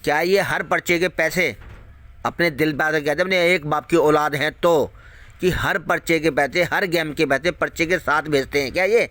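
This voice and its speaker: A man with a fairly high, fairly bright voice speaks at normal speed in a dry recording. The video host rants at his viewers in warning, angry and swearing heavily, going over the same points and asking rhetorical questions.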